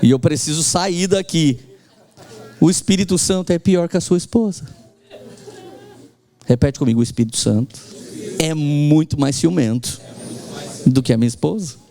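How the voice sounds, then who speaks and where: A middle-aged man from Brazil, a pastor preaching a sermon with lively delivery, acting out quoted voices and calling on the congregation to repeat after him. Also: on the high side, moderate pace, gravelly, long pauses.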